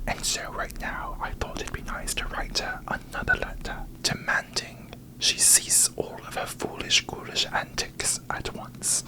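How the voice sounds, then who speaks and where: Man whispering as prim queen Alicent Hightower. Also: a little slow, natural voice, rough recording. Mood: haughty. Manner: formal, pompous, archaic wording. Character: prim, needy, aggrieved medieval queen, a woman. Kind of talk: whispered ASMR parody.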